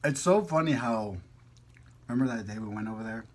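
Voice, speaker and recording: Fairly quick and medium in pitch, this food vlogger eats while chatting in a relaxed, playful way. It is casual mukbang talk, and he rambles a little as he goes.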